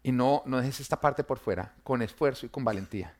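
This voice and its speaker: A man, preaching an emphatic sermon that swings between loud and quiet, full of rhetorical questions and humor for the congregation. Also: medium pitch, a little fast. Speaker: pastor.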